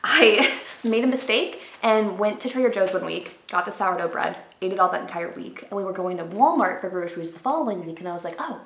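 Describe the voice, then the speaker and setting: Indoors in her living room, a woman in her twenties vlogs about lifestyle, cheerfully presenting groceries to camera and saying "like" a lot. Her mid-range voice is brisk, lively and fairly bright, with reverb and slight hiss or hum.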